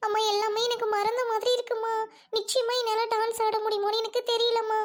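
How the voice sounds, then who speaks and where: A woman's voice: very high voice, little pitch movement, quick pace, noisy background, voice pushed up. A woman voicing a sulky teenage daughter who whines and complains to her mother, in a comic family skit. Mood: whiny. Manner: whining and complaining. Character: teenage schoolgirl, whiny and sulky elder daughter.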